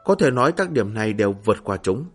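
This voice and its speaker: Husky male audiobook narrator. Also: on the low side, very animated, fast, soft background music. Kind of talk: scripted fantasy novel narration.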